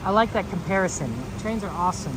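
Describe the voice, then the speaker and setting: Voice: mid-range voice, expressive, quick pace, heavy background noise. A livestream host chatting casually and jokily with viewers in a rambling way, outdoors at a theme park. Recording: loud music and crowd around.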